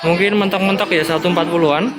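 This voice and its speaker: A man's voice: sits high, steady tone, fast talker. A man with a Javanese-region Indonesian accent giving casual on-site commentary as a livestock market vlogger, addressing viewers familiarly. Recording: loud crowd and music behind. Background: crowd noise and music.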